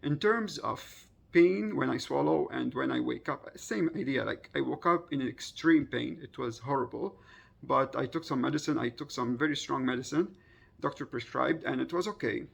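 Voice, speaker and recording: A man of about thirty with a husky, gravelly voice, casually recounting a personal experience in a hesitant, circling way. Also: mid-range voice, normal speed.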